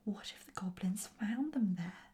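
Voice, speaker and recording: Softly whispering woman reading a children's story. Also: medium pitch, lively intonation, unhurried, slight background noise. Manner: softly spoken, soothing. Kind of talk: whispered role-play.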